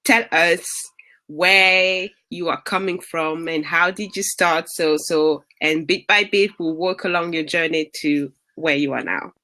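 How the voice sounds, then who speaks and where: A woman with a French accent hosting an online interview series, effusive and deliberate, laughing often. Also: on the low side, steady tone, pushed and bright. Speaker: interview host.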